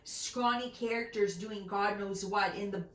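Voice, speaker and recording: A woman's voice: mid-range voice, fairly even intonation, unhurried, a bit bright. A woman ranting casually and without a filter, exasperated and given to emphatic exaggeration. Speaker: guest giving opinions on a TV series. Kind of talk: casual rant. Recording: echoey, roomy home recording.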